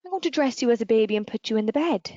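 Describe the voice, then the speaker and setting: A woman acts out a crafty folk-tale wife who keeps her cool and plans her next move. Her voice stays quiet and measured. The recording is dull and dry. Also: a little high, expressive, no room sound, natural voice. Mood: pensive. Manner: thoughtful and quietly scheming. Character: clever calm Irish wife of a giant.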